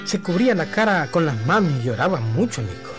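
Male radio narrator, folksy, chatty, lively intonation, music underneath. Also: a little high, fast talker. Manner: chatty, addresses a listener directly.

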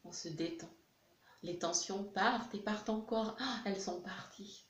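A woman's voice: medium pitch, normal speed, dull audio, natural voice. A woman speaking as an upset crying baby. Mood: relieved. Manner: soft first-person voicing of the baby, plain voice. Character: distressed crying baby, then calming. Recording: echoey room with faint hiss.

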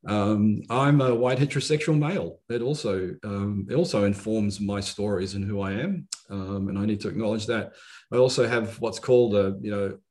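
A man in his fifties speaks in a fairly low voice with a New Zealand accent. He introduces himself in a reflective, conversational style, pausing often as he goes in a measured, halting flow. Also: a little mellow. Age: 50s. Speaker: podcast guest.

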